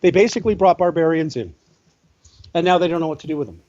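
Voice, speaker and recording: A man arguing as a guest on a call, halting and correcting himself, his voice cracking when riled. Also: a little high, lively intonation, a little mellow, highs cut off. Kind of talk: heated debate on a call.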